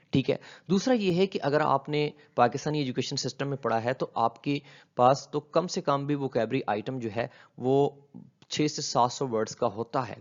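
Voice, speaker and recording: Lecturer, explanatory, slightly lo-fi. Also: male voice, medium pitch. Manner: mixes English terms into Urdu explanation; explanatory, asks and answers own questions. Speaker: linguistics lecturer. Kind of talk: recorded video lecture. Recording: slightly dull lo-fi audio.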